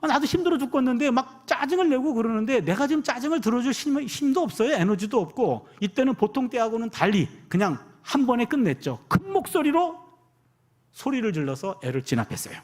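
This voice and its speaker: High-voiced, lively male preacher. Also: a little fast. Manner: animated storyteller who acts out quoted dialogue. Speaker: pastor and professor. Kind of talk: sermon with personal storytelling. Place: church sanctuary.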